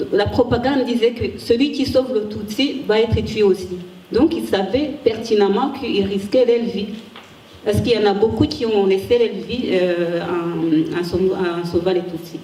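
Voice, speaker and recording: A woman giving an academic conference talk with slides, halting and restarting as she searches for words. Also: mid-range voice, mellow. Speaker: conference speaker, ethics researcher. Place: conference room. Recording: echoey room, distant mic, faint hiss.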